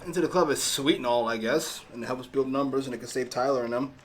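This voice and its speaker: A man's voice: mid-range voice, fast talker, slight background noise. A man hosting a reaction video, talking casually and with animation, swearing and exclaiming at the show.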